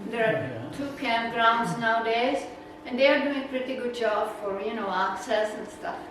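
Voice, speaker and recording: Speaking at normal speed in a fairly high, slightly bright voice, a Czech-accented woman from the Czech Republic rambles chattily through a slide talk for a naturalist club, with laughs and lots of fillers. The meeting-room audio is echoey and noisy, with her voice far from the mic.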